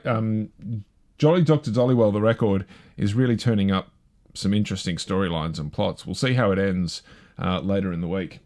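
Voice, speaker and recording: A man's voice: fairly low pitch, a little mellow. Rambling male live-show host. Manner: rambling, chatty, self-deprecating. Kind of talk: casual live show chat.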